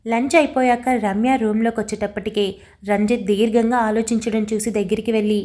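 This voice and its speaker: A woman narrating a romantic audio story in a calm, even manner. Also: on the high side, fairly quick.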